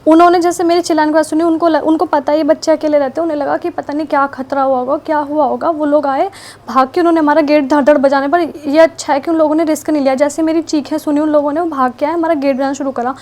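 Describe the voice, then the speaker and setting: A woman's voice: high voice, quick pace. A young woman, animatedly retelling a frightening personal story for her vlog. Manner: animated, breathless retelling with many repetitions. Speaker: vlogger.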